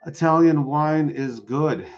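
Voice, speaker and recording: A man's voice: a little high, slow, highs cut off, faint music behind. A man doing a live-streamed tarot reading, chatting with viewers and answering the chat. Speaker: tarot reader.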